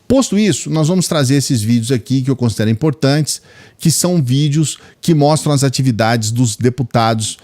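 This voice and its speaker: A man's voice: medium pitch, normal speed, a little mellow. A Brazilian man hosting a channel, giving casual, opinionated political commentary straight to his viewers in colloquial speech. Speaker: political video channel host.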